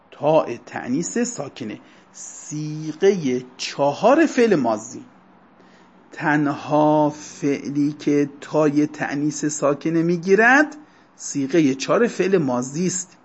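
A man teaching a grammar class, explaining terms one by one, slowing down and stressing key words. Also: fairly high pitch, breathy edge. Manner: explanatory, lecturing to students, slow deliberate stresses on terms. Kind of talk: Arabic grammar lecture. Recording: dull lo-fi recording.

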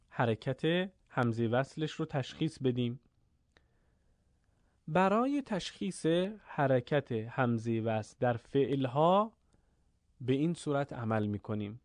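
A man teaching Quran reading in a lesson. He explains the rules quickly and says the example words slowly and drawn out. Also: a little high, a little mellow, no room sound. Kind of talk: lesson with slow word drills.

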